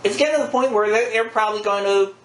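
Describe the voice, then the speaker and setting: A man's voice: sits high, fast. A man co-hosting a casual, conversational talk show about wrestling. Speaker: podcast co-host. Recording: echoey room, faint background noise.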